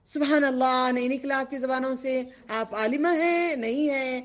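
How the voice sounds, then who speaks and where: High-voiced woman teaching religion to children. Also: steady tone. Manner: questioning the class, drawn-out chanting of phrases.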